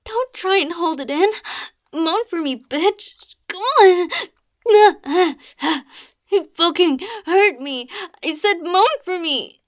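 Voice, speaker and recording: A woman voicing a small, crude, domineering goblin maid in an adult audio role-play, taunting and giving orders between breathy gasps. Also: very high voice, takes it slowly. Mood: demanding, gloating.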